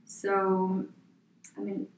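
A woman's voice: medium pitch, completely flat delivery, very slow, gravelly, distant mic, a little hiss or hum. Argentine woman guest in an echoey room. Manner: rambling, casual, many fillers and restarts. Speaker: interior designer, guest. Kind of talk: podcast interview. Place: office.

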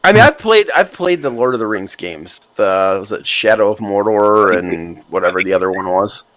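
A man's voice: lowish voice, animated, moderate pace, fairly bright tone, no echo. A man with a northern US accent in a casual chat, easygoing and self-deprecating. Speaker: podcast co-host.

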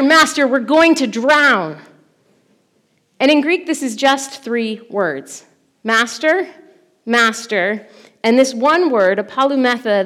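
A woman in her thirties delivers a sermon in a slightly high voice. She tells the story expressively, building to urgent peaks and dropping to hushed, near-whispered lines. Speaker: preacher.

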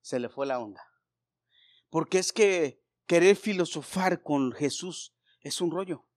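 High-voiced fervent preacher. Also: male voice, measured pace. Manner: fervent, swinging from loud exhortation to hushed storytelling. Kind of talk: sermon. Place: church.

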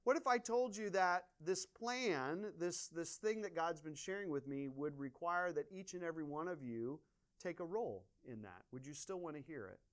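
A man's voice: a little high, animated, normal speed. A man preaching a conversational sermon as pastor, asking his congregation questions and talking informally with fillers and restarts.

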